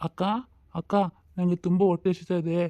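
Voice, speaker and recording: A man's voice: high voice, monotone, a little fast, dark tone, no room sound, lightly acted. A man voicing an earnest, hungry young brother who helps on the farm in a cartoon family drama. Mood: eager. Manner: eager, protesting. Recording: slightly dull lo-fi sound.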